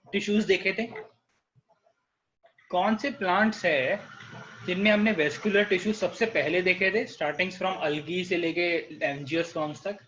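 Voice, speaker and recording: A man's voice: high-pitched, fairly bright tone, muffled recording, slight background noise. A man with an Indian accent teaching a biology class, mixing Hindi with English and putting questions to his students. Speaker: biology tutor. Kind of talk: online class lecture.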